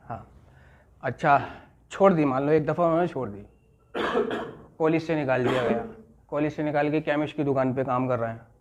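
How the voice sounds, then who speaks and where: A man's voice: fairly high pitch, a little fast, long pauses. A man leading an addiction recovery class, telling a story as a lecture, repeating key phrases and checking in with his listeners. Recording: muffled lo-fi recording.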